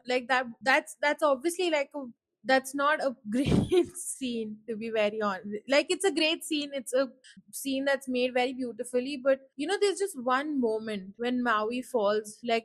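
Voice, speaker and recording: A woman's voice: on the high side, no room sound. A woman hosting a solo podcast, talking in a reflective, rambling way with many fillers and her voice choking up with emotion. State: choked up, close to tears. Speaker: podcast host. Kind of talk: casual solo podcast talk.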